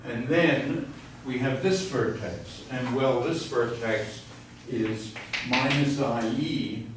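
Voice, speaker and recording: Slowly and in a mid-range voice, an older male physics professor lectures at a university, telling wandering stories, interrupting himself, and writing out equations at the board. A distant room mic records the echo of the large chalkboard hall along with background noise.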